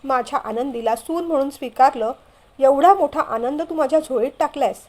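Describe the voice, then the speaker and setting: Brief: a woman reading a frail dying father, quiet and sorrowful, pitched high. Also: moderate pace, lightly acted. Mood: pleading, sorrowful.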